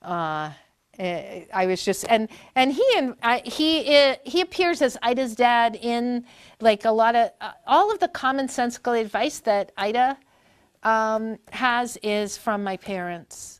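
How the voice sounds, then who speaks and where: A slightly high, animated, smooth voice belongs to a Maine performer in her fifties who is a guest at a library talk. Interviewed there, she tells family stories in a chatty, meandering way, with frequent fillers and restarts, at a measured pace. The recording is dry and has clean studio sound.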